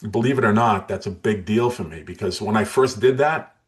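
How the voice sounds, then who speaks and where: A man in his sixties speaks as an interview guest with a very deep voice. He tells his story earnestly and emotionally, often restarting his sentences. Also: a little fast. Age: 60s.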